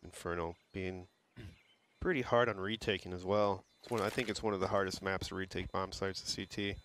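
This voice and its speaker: A man's voice: sits low, fairly even intonation, brisk, fairly bright tone. A man giving color commentary on a competitive video game match, casual and explanatory. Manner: casual, explanatory, uses fillers. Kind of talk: esports analysis. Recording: noisy broadcast with game sounds behind.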